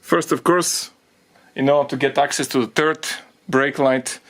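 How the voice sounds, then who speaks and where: A man explaining a car repair as he works on it, thinking aloud in halting phrases and getting out of breath from the effort. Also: mid-range voice, steady tone, fairly bright tone. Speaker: DIY car repair presenter. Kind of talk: hands-on repair tutorial.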